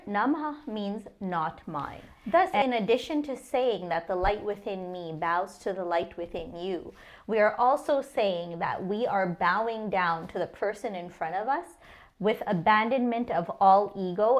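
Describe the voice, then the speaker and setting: Slow, patient woman teaching pronunciation. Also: mid-range voice. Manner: patient, measured, sounds out syllables slowly. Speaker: language teacher. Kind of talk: explanatory lesson.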